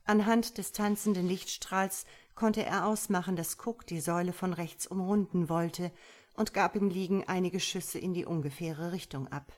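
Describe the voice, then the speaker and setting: A woman reading a thriller audiobook in steady, measured scripted narration. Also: on the low side.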